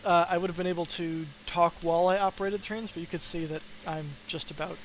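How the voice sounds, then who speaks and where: A man's voice: high-pitched, little pitch movement, fairly quick, slight background noise, low-quality recording. A young man chatting casually on his live development stream, rambling with lots of fillers and sounding tired.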